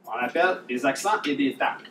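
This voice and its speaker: A man's voice: mid-range voice, fairly quick, pushed and bright. A man with a Quebec French accent teaching a drumline technique workshop in a casual, demonstrative way, repeating key points. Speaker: drumline instructor. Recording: echoey room, mic far off, noisy.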